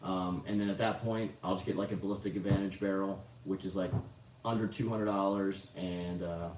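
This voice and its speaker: A lower-voiced man chatting casually on a livestream, rambling, swearing freely and poking fun at himself. He sits back from the mic, so his voice carries a roomy echo. A faint hum of noise sits underneath. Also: fairly even intonation, normal speed, a little mellow, far from the mic. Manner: rambling, profane, self-mocking. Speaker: livestream host answering chat.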